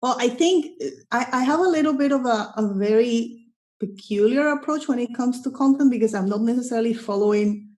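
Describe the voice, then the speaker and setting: A woman's voice: a little high, fairly quick, a little mellow. A middle-aged woman from Colombia, a guest in an interview, talking enthusiastically and often repeating words as she searches for phrasing. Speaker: guest, content strategist. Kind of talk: casual interview talk.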